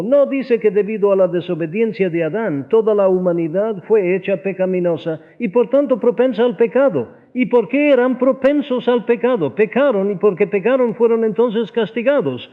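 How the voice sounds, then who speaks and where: A man reading a sermon aloud in an earnest, explanatory way, stressing key words. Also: high-pitched. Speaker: audiobook reader of a sermon. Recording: tinny phone-like audio.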